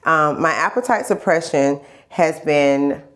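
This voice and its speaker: Getting over a lingering cold and still stuffy, a woman vlogger rambles casually and candidly in a video diary about her health journey, repeating phrases for emphasis. Her low voice is a bit bright, at a measured pace, with slight background noise.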